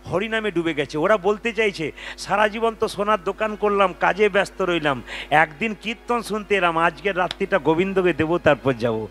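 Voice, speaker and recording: A man leading a devotional kirtan at a live gathering. He sings, then talks to the crowd and urges them to chant louder. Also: sits high, brisk. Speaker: kirtan lead singer. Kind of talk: devotional singing and exhorting the audience.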